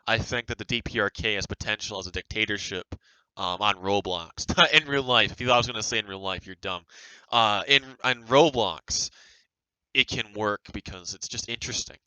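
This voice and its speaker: A man's voice: fairly low pitch, fairly quick, bright, forceful tone, smooth, dry recording, rough recording. A man giving casual, rambling, defensive commentary as a game developer reacting to a review.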